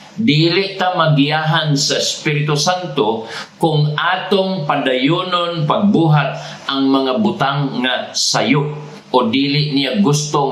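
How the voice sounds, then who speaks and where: A man with a Cebuano accent preaching a sermon as pastor, repeating each point deliberately and prompting the congregation to say phrases back. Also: mid-range voice, fairly bright tone, roomy sound, low-quality recording. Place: church sanctuary.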